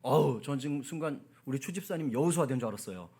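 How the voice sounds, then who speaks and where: A male pastor preaching a sermon in a lively, conversational way, with asides to the congregation. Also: mid-range voice, quick pace, slightly rough.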